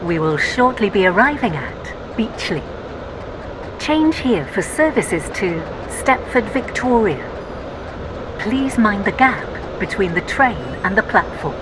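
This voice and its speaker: Woman's slow automated train announcement. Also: medium pitch, sing-song, background noise. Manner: slow, measured, evenly spaced phrases. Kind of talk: recorded public announcement.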